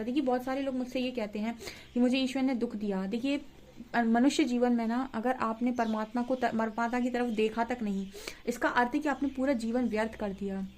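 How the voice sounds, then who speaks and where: Chatty young woman reading tarot, higher voice. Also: darkish tone. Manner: chatty, repeats "ठीक है" and "देखिए", mixes English words into Hindi. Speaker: tarot reader. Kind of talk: casual spiritual tarot reading to camera.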